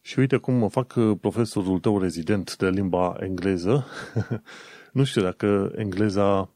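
A man's voice: deep voice, dark tone, dry recording. A young man from Romania, chatting casually as a host, thinking aloud with fillers and self-corrections. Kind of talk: casual commentary.

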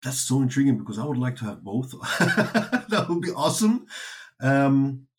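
This interview guest, a man whose native language is Dutch, has an expressive mid-range voice with a darkish tone and speaks at normal speed. His casual answers wander, full of fillers and restarts, and he laughs easily.

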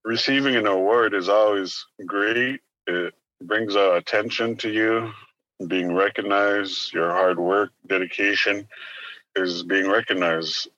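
A man from Arctic Canada, giving plain-spoken, reflective interview answers and pausing between phrases. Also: fairly low pitch, steady tone, pushed and bright, no room sound, highs cut off. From Arctic northern Canada. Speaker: interview guest, business owner.

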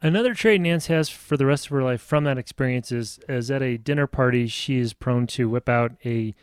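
A man's voice: mid-range voice, a little fast, clear, resonant tone, dry recording, studio quality. A middle-aged man from rural Nebraska co-hosting a casual chat, easygoing and laughing a lot. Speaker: podcast co-host.

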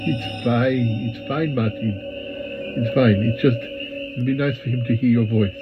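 A man playing a polite, fussy, reassuring caretaker in an audio drama, halting and often repeating himself. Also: mid-range voice, steady tone, lightly acted. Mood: gentle, reassuring. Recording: muffled sound with prominent music. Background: music.

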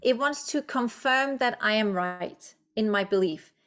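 Unhurried and slightly bright, a medium-pitched woman from Denmark speaks English as a guest author and coach on a podcast, though Danish is her first language. She is reflective and encouraging, peppering her speech with fillers.

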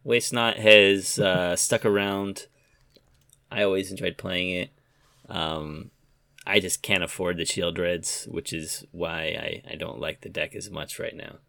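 A man's voice: sits low, fairly even intonation, unhurried, creaky, pushed and bright, no room sound. A man co-hosting a casual podcast chat, hesitant and thinking aloud as he goes. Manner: hesitant, lots of ums and trailing off. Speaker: podcast co-host.

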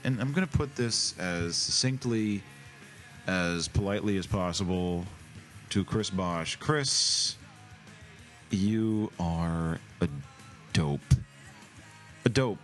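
A man hosting a comedic podcast, ranting in a sarcastic, mock-emotional and theatrical way. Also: fairly low pitch. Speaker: podcast host.

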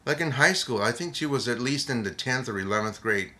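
An older man, a retired police officer, telling a funny story from the job in a casual, animated way, often repeating words. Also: mid-range voice, fairly quick.

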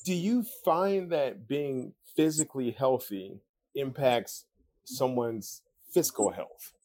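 A man's voice: mid-range voice, takes it slowly, a little mellow. A man hosting a podcast, easygoing and plain-spoken as he tells a personal story and asks questions. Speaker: podcast host. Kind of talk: casual interview chat.

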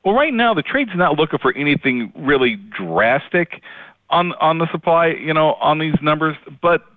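A man giving market commentary over the phone, talking casually with fillers and quick restarts. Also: fairly high pitch, big pitch swings, no echo. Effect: heard over the phone. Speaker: grain market analyst. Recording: tinny dry phone line.

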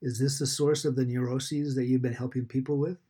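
Husky male podcast interviewer. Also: mid-range voice, little pitch movement, brisk, warm tone. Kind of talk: conversational interview.

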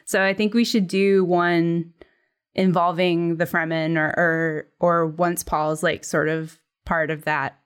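Young woman, casual chat, rambling, fillers, lowish voice. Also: little pitch movement, takes it slowly, clear, resonant tone. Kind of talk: casual chat planning a comedy sketch.

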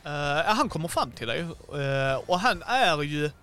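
A man narrating as game master of a tabletop role-playing game, animated and playful. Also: a little high, faint music behind. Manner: animated, playful, bursts into loud outcries in character.

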